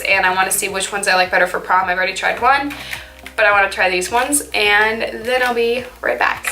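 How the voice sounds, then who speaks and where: Medium in pitch and sharp in tone, this teenage girl's voice carries a casual makeup tutorial chat for her beauty vlog. "Like" comes up often, and she lets thoughts trail away unfinished. She's recorded in an echoey room with faint music playing.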